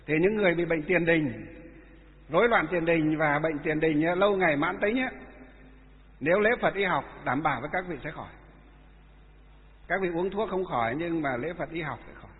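A man, a Buddhist monk giving a dharma talk and telling stories, with many halting filler sounds. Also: a little high. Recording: echoey hall, tinny phone-like sound.

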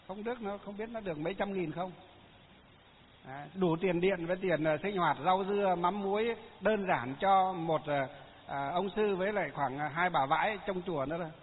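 A Buddhist monk gives a chatty Dharma talk, his voice pitched high for a man. The sound is thin and phone-like, carried in a hall with a long echo. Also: moderate pace. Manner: folksy, chatty storytelling with frequent fillers.

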